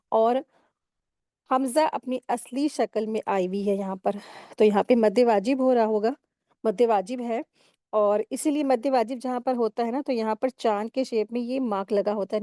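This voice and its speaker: A woman's voice: on the high side, dark tone, dry recording, studio quality. Patient woman teaching recitation rules. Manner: patient, explains each letter and rule, then slowly recites the words. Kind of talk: step-by-step tajweed lesson.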